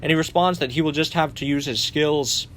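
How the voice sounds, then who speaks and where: A man's voice: fairly high pitch, fairly quick, fairly bright tone, a little hiss or hum. A young man hosting a commentary video, narrating a story summary in a sardonic tone with occasional swearing. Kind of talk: narrated fan rewrite summary.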